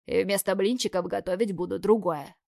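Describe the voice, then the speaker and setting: A woman reading the lines of a young man, a cocky and affectionate fiancé who speaks unhurried and smug. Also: mid-range voice, gravelly, darkish tone, no room sound, studio quality, close to an everyday voice.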